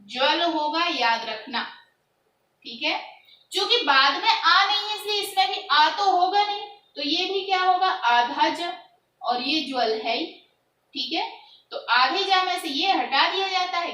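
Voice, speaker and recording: High, slow-talking woman teacher. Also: bright, forceful tone, roomy sound, distant mic, rough recording. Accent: Hindi. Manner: asks quiz questions and answers them herself. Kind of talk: classroom lesson on grammar.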